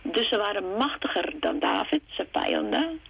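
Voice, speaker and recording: A woman preaching a sermon in an earnest, unhurried way, reading aloud from the Psalms and stopping now and then to restart a phrase. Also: medium pitch, big pitch swings, creaky, fairly bright tone, breathy edge. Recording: muffled, lo-fi with faint hiss.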